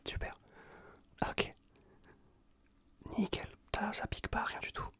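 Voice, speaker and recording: Close to a Blue Yeti mic, a Frenchman from the Bordeaux region whispers an ASMR roleplay, casual and reassuring, as a caring survivor looking after a wounded stranger. His breathy voice is slow and a little bright.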